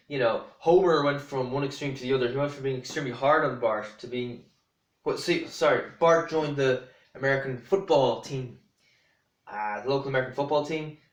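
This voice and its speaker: Casting: man, mid-pitched, blunt rambling vlog rant full of ums, roomy echo. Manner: rambling, many fillers and restarts, blunt. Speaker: vlogger. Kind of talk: casual rant to camera.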